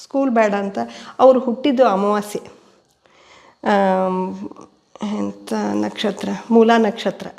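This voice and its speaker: A woman's voice: medium pitch, slow, creaky, long pauses. An older woman, telling family stories at home as an interviewee. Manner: steady storyteller who voices quoted people. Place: indoors at home.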